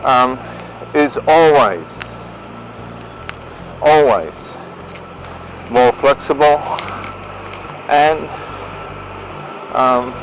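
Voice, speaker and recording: An Australian man giving an unscripted talk to viewers in a deliberate, halting way. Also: medium pitch, lively intonation, poor audio. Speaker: vlogger giving relationship advice. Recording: outdoor noise behind the voice.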